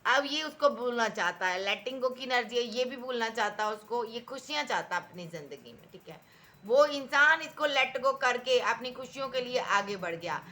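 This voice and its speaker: A woman's voice: fairly high pitch, animated, normal speed, pushed and bright. A woman giving a tarot reading, talking emphatically and repeating herself as she addresses the viewer directly. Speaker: tarot reader.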